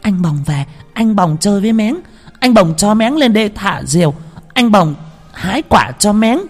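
A man voicing a small, innocent peasant girl in a high childish voice. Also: expressive, normal speed, in a large hall, faint music behind. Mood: happy.

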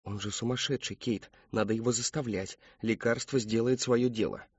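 A man voicing a hushed, cold, insistent voice inside a mother's head, in a slightly muffled audiobook. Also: medium pitch, steady tone, moderate pace, husky, no room sound, lightly acted.

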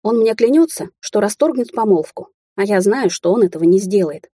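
A woman's voice: medium pitch, lively intonation, brisk, mellow, husky, no echo, clean studio sound. A woman voicing a fiery young woman who argues in a heated, accusing way. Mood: bitter.

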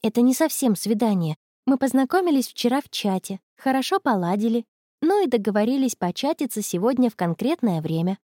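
A woman's voice: on the high side, very animated, brisk, mellow, no room sound, studio quality. Anna, a woman reading a secretive young schoolgirl. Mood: playful.

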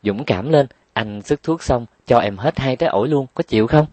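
A man voicing a kind boy who gently coaxes and soothes a younger girl. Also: mid-range voice, expressive, normal speed, no room sound, close to an everyday voice. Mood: coaxing. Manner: coaxing, gentle pleading. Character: kind older boy soothing little girls.

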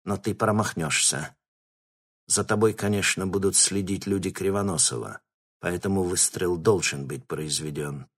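A man voicing a scheming male baron giving quiet orders in an audiobook. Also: breathy edge. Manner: quiet, low and slow. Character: scheming male baron, a calm crime boss.

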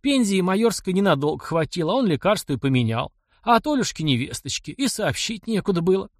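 Old servant, tearful and plaintive, folksy speech, lively high voice, read by a man. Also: brisk, no room sound, studio quality. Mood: tearful lament.

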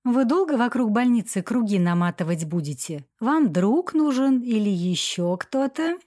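Woman playing a giggly young nurse, teasing, pitched up, dry sound. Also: expressive, normal speed, a little mellow, dry recording. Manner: teasing, bubbly.

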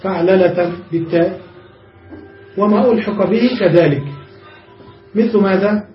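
A sheikh with a high-pitched voice teaches Arabic grammar, patiently explaining each rule step by step and pausing to check that his class has understood. The audio is dull and muffled, captured from a distant mic in an echoey room, with faint music playing behind.

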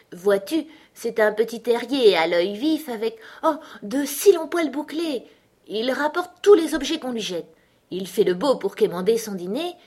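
A woman's voice: a little high, pitched above the performer's own voice. A woman voicing a curious, polite little girl who talks eagerly to please.

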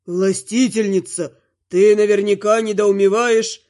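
A woman putting on a haughty male henchman from a dark fantasy court, drawling his words slowly with a sneer. The voice sits low and heavy against a woman's natural register. It is read as part of a storybook narration. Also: fairly even intonation, lightly acted. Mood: haughty menacing. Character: arrogant male dark-lord henchman, menacing.

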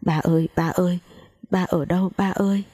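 Grieving young heiress, twenty, low husky voice, read by a woman storyteller. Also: steady tone, moderate pace, warm tone, dry recording, clean studio sound, natural voice. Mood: pleading. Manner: pleading, broken speech.

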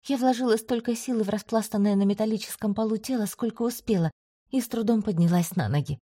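A woman narrating a first-person story in a steady, even audiobook reading. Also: mid-range voice, fast talker, breathy edge, no room sound, clean studio sound.

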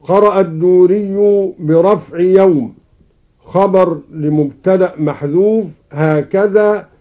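A man on the radio explaining Quran reading variants in a measured way, chanting each quoted verse, on a dull old broadcast recording. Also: high-pitched. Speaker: Quran recitation teacher on radio.

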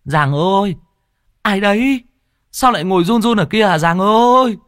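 A man's voice: lively intonation, normal speed, a bit bright, no room sound, clean studio sound. A man doing a wailing, grief-stricken village wife. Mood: frightened. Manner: high-pitched, tearful wailing.

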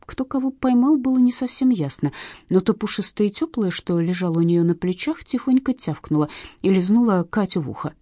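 A woman's voice: medium pitch, lively intonation, fairly quick, warm tone, no echo, studio quality. A woman reading a humorous story aloud as an audiobook narrator. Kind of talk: scripted narration.

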